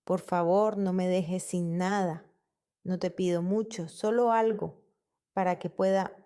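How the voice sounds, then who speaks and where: A desperate, tearful woman begs for her share, voiced by the narrator. Her pleading comes out in a dark, mellow voice. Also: fairly low pitch, fairly even intonation, measured pace, smooth, natural voice.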